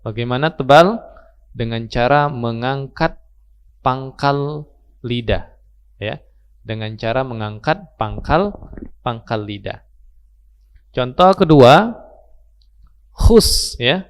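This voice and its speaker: This is a man leading a Quran recitation class in a mosque study circle. He talks unhurriedly at an ordinary mid pitch, repeating example words again and again and drawing each sound out so his students can follow. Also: slow, pauses often, clean tone. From Indonesia. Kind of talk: slow patient tajweed lesson with recited examples.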